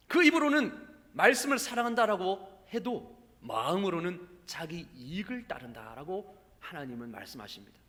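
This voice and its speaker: A man's voice: high voice, a bit bright. A man preaching a sermon as pastor, telling a story and building to fervent exhortation. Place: church sanctuary. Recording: church hall reverb.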